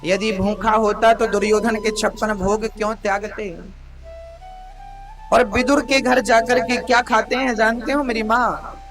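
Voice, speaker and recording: A man telling devotional stories in a sermon with a North Indian Hindi accent, dramatic and addressing his listeners warmly as mother. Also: high voice, level tone, unhurried, over music. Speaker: Bhagavat katha preacher.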